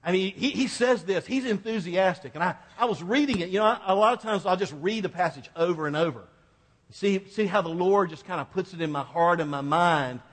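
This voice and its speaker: With a high voice and a fairly quick delivery, this man preaches to a congregation in a casual, conversational manner. He repeats phrases to drive his points home, and the hall he's in produces a long, echoing reverb.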